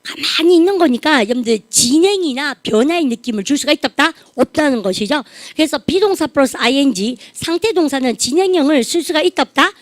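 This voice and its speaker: A woman teaching English grammar in a lively classroom lecture, often prompting the class to repeat phrases aloud. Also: sits high, quick pace, few pauses, dry recording. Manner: refers to herself as 쌤 (teacher). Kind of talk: classroom grammar lecture with call-and-response drills.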